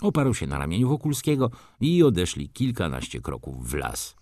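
A man narrating a classic novel as an audiobook, in an expressive, dramatic storytelling manner. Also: low voice, moderate pace, no room sound, studio quality.

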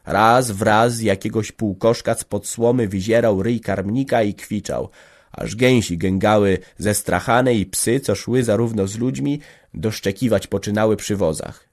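A man narrating a classic novel as an audiobook in a measured, even storytelling manner. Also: lowish voice.

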